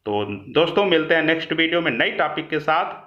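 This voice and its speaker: Lively bright-voiced male teacher, echoey. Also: fairly high pitch, a little fast. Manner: emphatic, repeats words, explains patiently. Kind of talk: exam-prep grammar lesson. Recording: echoey room, dull lo-fi sound.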